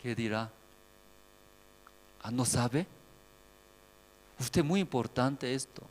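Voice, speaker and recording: Slow-preaching missionary pastor in a hall. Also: male voice, medium pitch, animated. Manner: slow, simple phrasing, rhetorical questions. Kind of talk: sermon at a Bible seminar. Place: Bible seminar hall in a cold city. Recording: long hall reverb.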